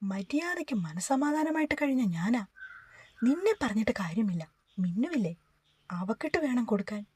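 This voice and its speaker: A woman reading the part of an angry, short-tempered man who scolds quickly in a storybook reading. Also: on the high side, big pitch swings, husky. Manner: shouting, scolding fast.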